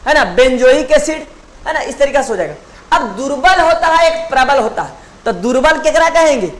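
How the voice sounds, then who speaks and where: A man's voice: very high-pitched, lively intonation, moderate pace. A man teaching a lesson in Bihari-accented Hindi, quizzing the class and repeating each question before answering it himself. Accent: Bihari, Bhojpuri-tinged Hindi.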